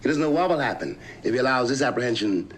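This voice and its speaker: A man speaking thoughtfully in a television conversation, measured and searching for his words. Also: medium pitch, expressive, rough recording. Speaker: interview guest. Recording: archival broadcast with faint noise.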